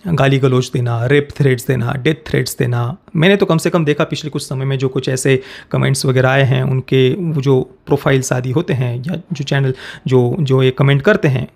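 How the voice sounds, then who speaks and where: Speaking into a close desk mic in a small indoor home studio, this Indian-accented man in his thirties offers opinionated news commentary to camera. He hammers his points by restating them, and his mid-range voice sounds gravelly with a slightly mellow edge.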